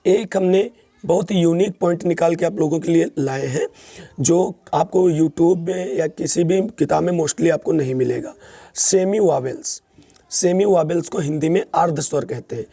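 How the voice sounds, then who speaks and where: A man's voice: a little high, moderate pace, gravelly, warm tone, slightly rough, dry recording. A man teaching English grammar in Hindi, mixing in English terms and asking and answering his own questions as he explains.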